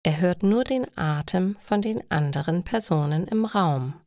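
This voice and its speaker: A woman narrating short stories for German learners with clear, deliberate scripted reading. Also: lowish voice, animated, a little mellow, no room sound, clean studio sound.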